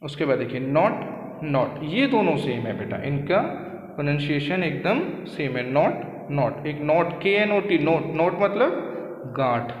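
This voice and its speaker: A man's voice: a little high, animated, a little slow, roomy sound, big-room sound, muffled recording. A man with an Indian accent teaching a school English lesson, explaining patiently and calling the students "beta".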